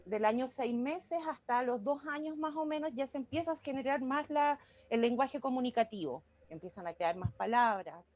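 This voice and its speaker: A woman summarizes her part of a class presentation over a video call, pausing often with fillers. Her voice is fairly high. The call sound is dull and muffled. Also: darkish tone.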